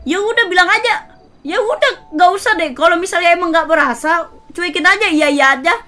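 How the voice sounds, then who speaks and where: Bright high-voiced woman lecturing calmly. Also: a little fast. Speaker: roleplay gamer. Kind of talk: in-character game roleplay chat.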